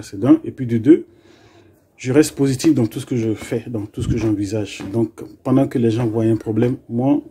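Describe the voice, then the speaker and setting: Middle-aged man from Côte d'Ivoire, dark husky voice, animated anecdote teller. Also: mid-range voice. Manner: lively storyteller acting out dialogue, with hesitations. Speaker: vlogger telling a personal story. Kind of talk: casual spoken anecdote.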